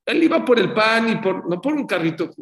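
A man giving a sermon as a religious teacher, telling stories in an animated way. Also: sits high, fairly quick. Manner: animated, acts out story voices. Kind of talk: sermon with storytelling. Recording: roomy echo.

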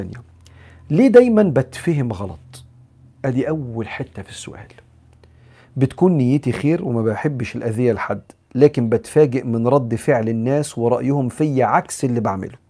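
A man's voice: medium pitch, dark tone. A man with an Egyptian accent giving a live religious talk, answering questions in a conversational way, mixing in English psychology terms and acting out examples.

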